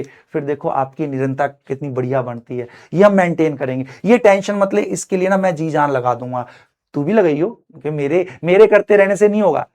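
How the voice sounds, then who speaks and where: A middle-aged man teaching an online chemistry class, fatherly and animated, swinging from loud urging to quiet earnest advice and mixing English phrases into his speech. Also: a little high. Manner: mixes English phrases into his speech, calls students son. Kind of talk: live online lecture pep talk.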